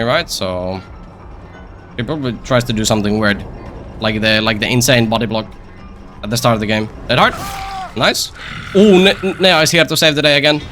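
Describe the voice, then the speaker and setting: A Finnish game streamer, whose first language is Finnish, delivers casual gameplay commentary in a mid-range, pushed, bright voice. He rambles, repeats phrases, and tosses in self-deprecating jokes.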